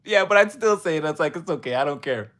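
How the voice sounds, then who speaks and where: A man's voice: fairly high pitch, animated, fairly quick, fairly bright tone. A man from Montreal, Canada, hosting a casual livestream, rambling in a slangy way and laughing often as he answers his chat.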